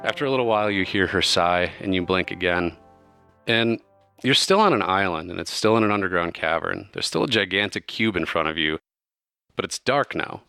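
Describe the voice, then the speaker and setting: A man's voice: low voice, very animated, fairly quick, bright, forceful tone, smooth, dry recording, faint music behind. A man narrating a tabletop game as game master, in a loose, casual way full of fillers.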